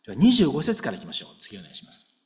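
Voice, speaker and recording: A man's voice: medium pitch, very fast. A man preaching a sermon in a conversational way, often checking in with his listeners and acting out prayers as he speaks. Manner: conversational preaching with frequent tag questions to the congregation; animated and expressive, acting out prayers aloud. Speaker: pastor.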